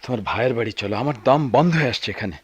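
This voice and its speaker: একজন পুরুষ অভিনেতা ক্লান্ত, অভিমানী মধ্যবয়সী বাবার চরিত্রে, নব্বইয়ের দশকের বেতার নাটকের ঢঙে।. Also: male voice, medium pitch, lively intonation, rapid-fire, muffled recording, noisy background, lightly acted. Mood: hurt. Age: middle-aged. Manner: weary, resentful, sometimes raising his voice. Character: weary middle-aged father, bitter and proud. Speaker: father of grown children. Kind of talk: 1990s radio drama acting.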